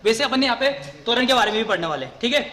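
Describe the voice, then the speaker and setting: Male physics teacher, high voice, classroom lecture style, long room reverb. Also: animated, very fast, sharp tone. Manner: repeats questions and answers them himself, says "ठीक है" often.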